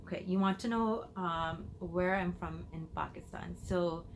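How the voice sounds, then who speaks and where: The perfume-reviewing woman from Illinois, U.S., takes her time answering viewer questions in a relaxed, chatty Q&A, talking her thoughts through. Her fairly low voice comes through a rough phone recording with slight background noise.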